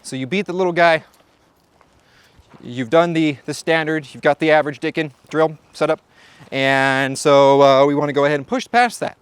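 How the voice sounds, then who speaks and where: A man's voice: a little high, normal speed, clean tone, no echo. A man hosting a shooting-range video, talking to the viewer in a playful, joking way. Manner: playful, jokey, talks to the viewer. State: out of breath at times. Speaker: shooting channel host. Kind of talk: casual vlog narration at the range.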